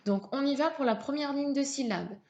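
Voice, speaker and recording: A woman teacher leading a reading lesson for young children, slow and patient, sounding out syllables. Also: high voice, darkish tone, lo-fi sound. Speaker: primary school teacher.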